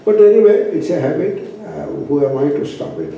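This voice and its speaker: A man's voice: on the high side, lively intonation, normal speed, gravelly, warm tone, highs cut off, slight background noise. A man with an Indian accent, a spiritual teacher giving a philosophy class in an emphatic, didactic way, repeating phrases and asking rhetorical questions. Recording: very echoey room, distant mic.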